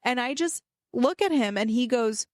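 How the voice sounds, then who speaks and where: A woman co-hosts a podcast in casual chat, retelling things bluntly and with drama. Her voice sits a little high, and the sound is dry and close-miked. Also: expressive, moderate pace, darkish tone, no echo. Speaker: podcast co-host.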